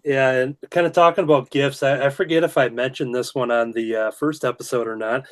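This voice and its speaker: A man hosting a casual drawing show, talking in a relaxed way with frequent "uh" fillers. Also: mid-range voice, fairly quick. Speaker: host. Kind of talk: casual video-call chat while drawing.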